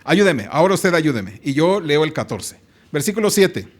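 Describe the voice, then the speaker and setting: A man's voice: a little high, big pitch swings, normal speed. A man with a Mexican Spanish accent preaching a sermon in a church, stretching out key phrases and calling on the congregation to read along. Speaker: pastor.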